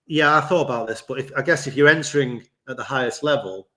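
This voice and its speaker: A man co-hosting a sports podcast, relaxed and laughing at his own stories. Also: medium pitch, fast. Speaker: podcast co-host. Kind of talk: casual podcast chat.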